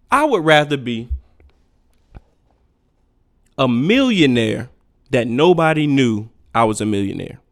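A man rants on his own podcast, blunt and profane. His voice swoops wildly from low mutters to sharp high jabs. It sits a little higher than most men's. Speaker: podcast host. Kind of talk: unfiltered solo rant.

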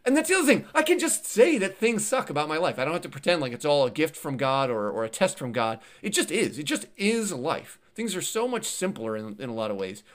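A man speaking as a podcast guest, with a lively voice whose pitch rises and falls widely as he tells stories. He talks earnestly and conversationally, restarts his sentences often, repeats words and laughs lightly as he goes. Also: brisk, few pauses. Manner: laughs lightly while talking. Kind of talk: casual conversational interview.

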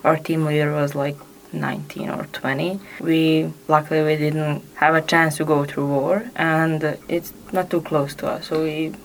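Woman, 20s, Serbian accent. Interview guest, conversational, fairly flat intonation, low register. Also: moderate pace, a little hiss or hum, low-quality recording. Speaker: interview guest, youth exchange participant.

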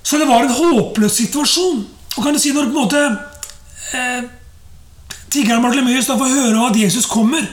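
A woman's voice: high voice, reverberant. A woman giving a conversational sermon, chatty and loose, full of fillers and rhetorical asides. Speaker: preacher.

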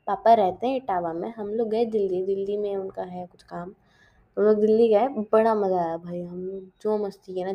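Warm in tone and mid-range in pitch, this teen vlogger talks casually in a diary-style video. English words slip into her speech, and she frequently stops to fix what she's saying mid-sentence.

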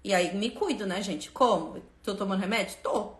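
A woman's voice: mid-range voice, moderate pace, reverberant. A woman hosting a spiritual lesson on a live stream, speaking fervently and emphatically, repeating phrases and turning to her viewers.

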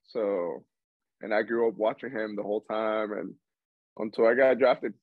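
This is a young man from Cuba talking casually as an interview guest, a little low in pitch. He rambles and restarts his sentences. His voice comes through a dry, slightly muffled recording. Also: steady tone, normal speed, dry recording. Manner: rambling with frequent restarts and laughs. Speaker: interview guest, baseball player.

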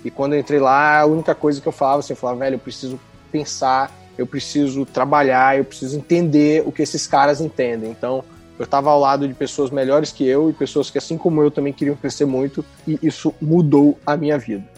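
A man's voice: mid-range voice, little pitch movement, fast talker, soft background music. A man with a Bahian Brazilian accent, chatting informally and with slang as a podcast co-host. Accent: Bahian Brazilian Portuguese. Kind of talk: casual chat.

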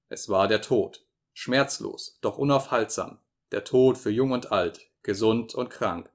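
A man reads an audiobook aloud with a steady, measured delivery. His voice sits at an ordinary pitch, and he lets dramatic passages unfold slowly and deliberately. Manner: measured, slow, dramatic reading. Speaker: audiobook reader. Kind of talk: audiobook narration.

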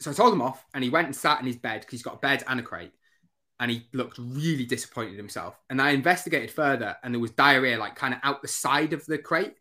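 A man's voice: mid-range voice, fast talker, pushed and bright. Chatty man telling stories. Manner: rambling storyteller, lots of fillers and swearing. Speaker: podcast co-host. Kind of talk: casual chat.

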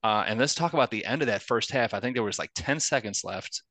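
A man, a former college player, telling lively stories as a podcast guest. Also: mid-range voice, quick pace, dry recording. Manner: lively storyteller. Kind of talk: casual podcast chat.

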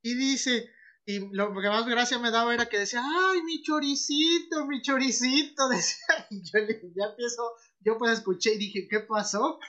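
A man's voice: extremely high pitch, fairly even intonation, normal speed, sharp tone, highs cut off. A man telling a funny story in casual chat, laughing often as he goes. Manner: laughing often, mimicking voices.

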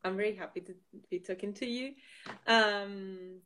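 A young woman from the Basque Country speaks as an interview guest, with a Basque accent. She is a non-native speaker who pauses and feels her way through explanations. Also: medium pitch, steady tone, pushed and bright. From Basque Country, Spain. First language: not English. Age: 20s. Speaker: guest, student and think-tank intern. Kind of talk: live-stream interview answers.

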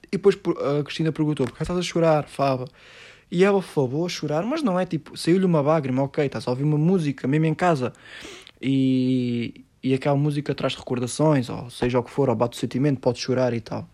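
A man's voice: medium pitch, a little fast, warm tone. A man with a European Portuguese accent hosting a solo podcast, ranting sarcastically and profanely about a TV show. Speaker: podcast host.

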